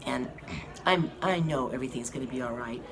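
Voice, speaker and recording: Hoarse and very deep-voiced, a woman vlogger gives a health update to her viewers from a hospital rehab room. She talks slowly and haltingly with many fillers, and an air conditioning fan hums through the noisy recording.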